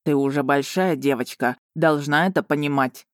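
A woman voicing a gruff, self-assured male dragon guardian, speaking low and slow in a mocking way. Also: no room sound, studio quality, natural voice. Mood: steady, commanding.

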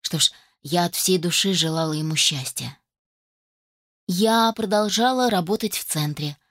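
Female audiobook narrator: even storytelling read, low-set voice, dry close sound. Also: normal speed, dry recording. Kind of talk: scripted first-person narration.

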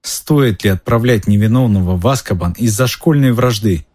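A calm, gentle male teacher, as a storyteller puts him on. He speaks softly but insistently, in a low, husky voice. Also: normal speed, natural voice. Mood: calm pleading. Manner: soft, insistent.

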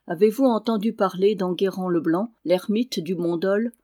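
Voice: medium pitch, moderate pace, mellow, no room sound, clean studio sound, lightly acted. A reader voicing a mischievous male dwarf who tells a tale to peasants, solemn and teasing with a mock-mysterious air. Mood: sly. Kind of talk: audiobook character voice.

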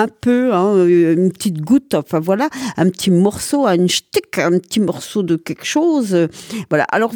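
A woman radio host chats casually on air in a relaxed, mellow voice. She wanders through her points with frequent hesitations and light laughs. The sound is dry and close to the mic. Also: mid-range voice, no room sound. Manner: chatty, full of hesitations and little laughs. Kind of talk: casual radio chat presenting a book.

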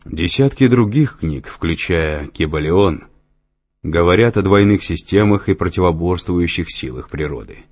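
A man playing a calm, learned brother. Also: sits low, a little slow, breathy edge, heavily acted. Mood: assured. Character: learned older brother, calm and assured lecturer.

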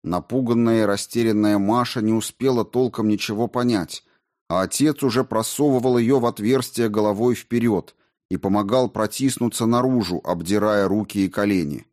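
Male audiobook narrator, steady delivery. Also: lowish voice, moderate pace. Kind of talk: scripted narration.

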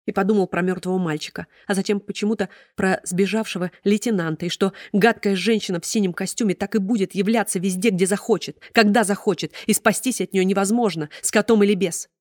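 A woman reading an audiobook in measured, ironic narration. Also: mid-range voice, steady tone, no room sound, studio quality. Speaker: audiobook reader. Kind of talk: scripted narration.

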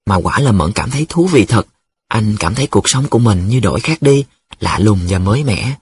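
A man narrating a novel as an audiobook in a steady storytelling read. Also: fairly low pitch, normal speed, breathy edge.

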